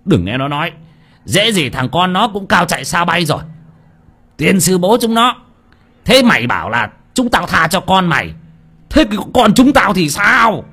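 A man narrating an audiobook while voicing a furious old village father who shouts threats and curses. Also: high voice, big pitch swings, moderate pace, pitched above the performer's own voice, exaggerated voice. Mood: scornful. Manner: shouting, cursing, commanding.

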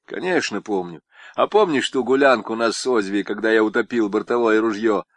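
A man reading an audiobook, voicing a self-assured, stocky male pilot with a wry, measured manner. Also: lowish voice, dry recording, close to an everyday voice. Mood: wry banter.

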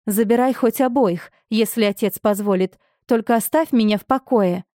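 A woman's voice: on the high side, normal speed, dark tone, no room sound, clean studio sound, lightly acted. A woman reading a curt, weary young noblewoman. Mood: exasperated.

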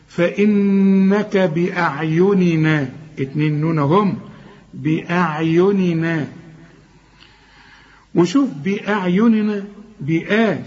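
A man with an Egyptian accent teaching Quran recitation. He draws words out slowly, corrects the learner directly, and explains in quick colloquial asides. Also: sits high, a little mellow, lo-fi sound. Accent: Egyptian Arabic. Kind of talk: tajweed recitation lesson.

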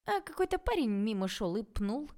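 A woman reading an audiobook, voicing a hot-tempered, sharp-tongued young woman who snaps in a raised voice. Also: fairly high pitch, sing-song, moderate pace, pitched above the performer's own voice. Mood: sly. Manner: snapping, raised voice.

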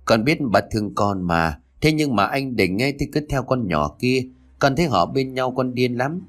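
A man voicing a spiteful, jealous schoolgirl in a read-aloud story, speaking in a sharp, taunting way. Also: mid-range voice, animated, normal speed, close to an everyday voice. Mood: whiny.

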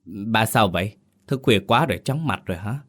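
A man's voice: on the low side, lively intonation, moderate pace, a bit bright. A man voicing a grown son who anxiously questions his frightened father in a spoken ghost story. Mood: worried. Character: grown son, worried and caring.

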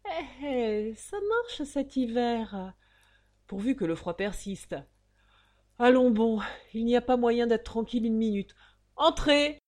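A woman voicing a loud, blustering old miser banker. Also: fairly high pitch, animated, slow pace, voice pushed up. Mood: grumbling. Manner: loud, ranting and scornful. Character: greedy blustering older male banker, irritable miser.

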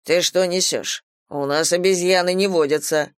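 A woman voicing a stern middle-aged male police captain in an audiobook, speaking slowly and deliberately. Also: fairly low pitch, steady tone, smooth, dry recording, natural voice. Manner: dry, slow, deliberate. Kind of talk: audiobook character voice.

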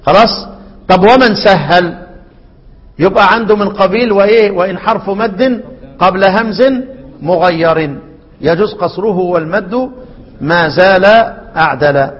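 High-voiced Egyptian teacher, questioning, reverberant lo-fi. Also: male voice, moderate pace. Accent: Egyptian Arabic. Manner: asks rhetorical questions and repeats key words. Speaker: teacher of Quran recitation. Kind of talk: lecture with questions to students. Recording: lo-fi recording in a reverberant hall.

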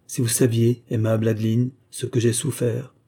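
A troubled young man murmurs bad news haltingly, as a male reader plays him. The voice is dark and husky, in a storybook reading. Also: mid-range voice, level tone. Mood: agitated. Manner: hesitant, hushed. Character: agitated young man bearing grim news.

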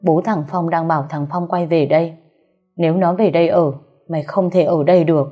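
A woman's voice: sits low, fairly even intonation, brisk, lo-fi sound, soft background music. A woman voicing a harsh, scolding older mother. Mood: stern. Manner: cold, scolding, blunt.

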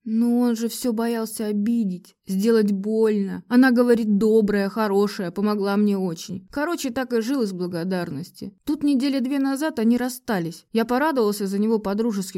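A woman's voice: medium pitch, a little fast, hardly any pauses, mellow, close to an everyday voice. A woman voicing a young man, a blunt, caring friend who retells gossip in casual slang, read for an audiobook. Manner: chatty, loose spoken retelling. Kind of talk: audiobook reading.

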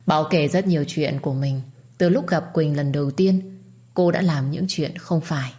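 Calm woman narrating a storybook. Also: deep voice, normal speed.

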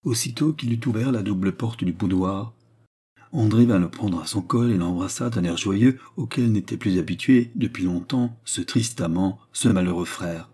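A man narrates a classic novel at a measured, steady pace. His voice sits low and dark. A husky grain colors every line. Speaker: audiobook reader.

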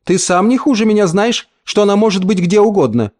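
A man voicing a cold, scornful mother who speaks in sharp, mocking retorts. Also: high-pitched, lively intonation, a little fast, pitched above the performer's own voice.

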